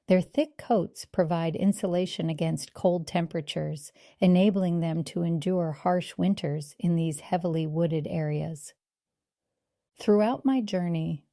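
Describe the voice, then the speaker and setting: A woman delivers scripted nature documentary narration with earnest, measured polish. Her voice is dark and relaxed, with a noticeable fry, captured very dry and close. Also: lowish voice, no echo.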